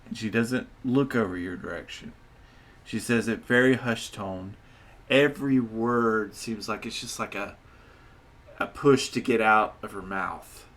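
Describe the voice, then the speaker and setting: A man narrating a tabletop game as game master, improvising haltingly as he searches for descriptive words. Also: lowish voice, fairly bright tone, far from the mic.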